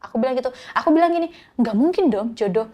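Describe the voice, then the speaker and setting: A woman's voice: high-pitched, lively intonation, fast talker, highs cut off. A young woman from Jakarta telling her personal story in a casual podcast chat, acting out quoted lines and laughing often. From Jakarta, Indonesia.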